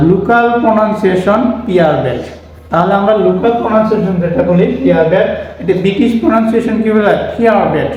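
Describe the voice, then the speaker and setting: This man's voice is high and a little mellow as he teaches English vocabulary. Each word gets spelled out letter by letter, and he poses questions only to answer them himself, all in a very echoey room where faint noise can be heard.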